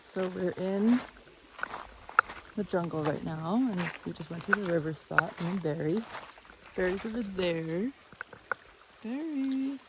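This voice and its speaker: Someone musing aloud in a halting, casual way while walking through the jungle with a phone on a selfie stick. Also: mid-range voice. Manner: unhurried, musing, halting delivery. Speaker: vlogger. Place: outdoors in the jungle by a river. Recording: outdoor phone audio with faint natural noise.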